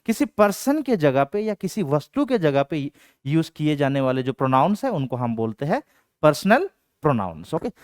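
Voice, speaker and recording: A man giving an exam-prep English grammar lecture, asking questions and answering them himself, and reading English sentences out slowly. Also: a little high, sing-song, darkish tone, dry recording, studio quality. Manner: explains, then asks and answers his own questions.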